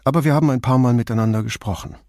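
A man voicing Brunetti, a police detective who asks questions calmly and casually. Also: medium pitch, rapid-fire, no room sound, clean studio sound, natural voice. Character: calm, probing male police detective, Brunetti.

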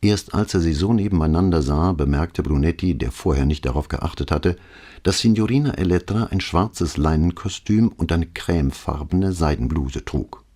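A man narrating a crime novel in a measured, expressive reading. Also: low voice. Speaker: audiobook narrator.

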